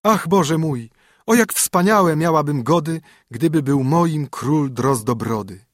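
A haughty young princess from a storybook tale, mocking and sing-song, her voice pitched high and swooping, as a man puts her on. The sound is husky and dry, close to the mic. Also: slow pace, dry recording. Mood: wistful. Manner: sing-song, scornful rhyming.

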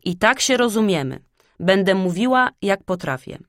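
A woman voicing a gossipy old female crow who tells stories, speaking slowly and deliberately. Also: medium pitch, animated, no room sound, clean studio sound, lightly acted. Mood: wistful.

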